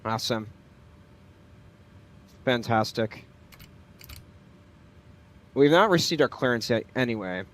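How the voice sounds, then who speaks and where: A man's voice: medium pitch, lively intonation, slow pace, pauses often, a bit bright, a little hiss or hum. A man livestreaming a flight simulator, talking casually and hesitantly as he thinks aloud. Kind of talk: casual livestream commentary with pilot radio calls.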